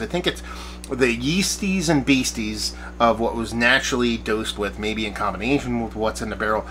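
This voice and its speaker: A man's voice: lowish voice, bright, forceful tone, slight background noise, poor audio. A bearded man in his forties giving a casual, rambling beer review to camera from a small shed studio, often searching for words. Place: backyard shed studio at night, small room.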